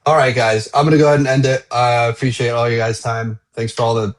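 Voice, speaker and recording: A man hosting a casual livestream chat, relaxed and full of fillers. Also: mid-range voice, quick pace. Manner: relaxed, laid-back, filler-heavy. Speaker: livestream host.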